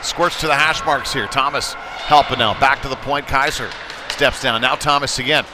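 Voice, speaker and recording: At a normal speed, a man calls a hockey game live, his voice at a typical male pitch. His commentary stays conversational but lifts with excitement as the action unfolds, while venue noise comes through clearly behind him.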